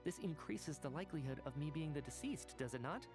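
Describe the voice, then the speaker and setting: A man voicing an earnest male scientist in a video game, measured and thoughtful, with faint music behind. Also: fairly high pitch, lively intonation, natural voice. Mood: calm reasoning.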